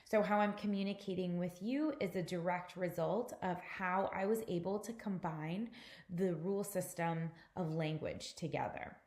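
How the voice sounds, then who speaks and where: A woman's voice: fairly low pitch, normal speed, a little mellow. Woman instructor giving a roomy recorded lecture. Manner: patient explanatory teaching, addressing students directly. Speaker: course instructor.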